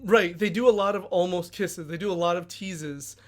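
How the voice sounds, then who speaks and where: A man with a notably high voice, co-hosting a casual fan podcast. He thinks out loud in a rambling way, peppering his points with fillers. The tone is relaxed discussion among friends. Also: moderate pace. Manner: thoughtful, rambling with frequent "like". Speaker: podcast co-host.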